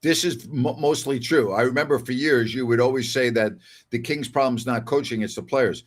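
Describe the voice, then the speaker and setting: On his casual sports call-in show, an older host speaks a little fast with a medium-pitched voice. He goes through listener messages in a conversational, emphatic manner, often repeating phrases for effect.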